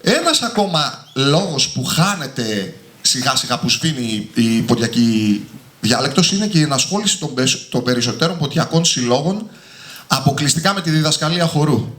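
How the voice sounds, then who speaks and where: A man's voice: medium pitch, sing-song, a bit bright. A man, an author and singer, giving an emphatic, passionate talk to a live audience at his book presentation. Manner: passionate, emphatic, often ending points with a tag word. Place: indoor hall with a live audience. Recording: echoey hall.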